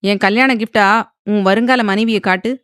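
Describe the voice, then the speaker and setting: A woman's voice: medium pitch, steady tone, normal speed, a bit bright, clear, resonant tone, no echo, clean studio sound, natural voice. A woman doing a playful, cheeky young woman. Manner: playful, laughing tone.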